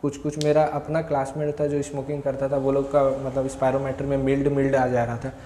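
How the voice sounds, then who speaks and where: A man's voice: medium pitch, little pitch movement, a little fast, mellow, slight background noise. A young man from India, telling a rambling, self-correcting story of his own as a vlogger. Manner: rambling, self-correcting, quotes others in short bursts. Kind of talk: casual first-person recounting. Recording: echoey room.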